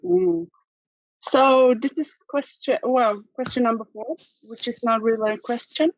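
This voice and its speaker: A woman hosting a casual online quiz over a video call, playful, reading her clues slowly and clearly. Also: fairly high pitch, slight background noise. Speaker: quiz host. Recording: dull lo-fi video call audio.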